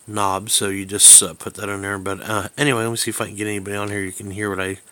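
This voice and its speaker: This amateur radio hobbyist talks fast in a low, fairly flat voice with a sharp edge, and a slight hiss or hum runs under the audio. Recorded in a small bedroom, his unscripted gadget review wanders and stalls while he searches for the right words.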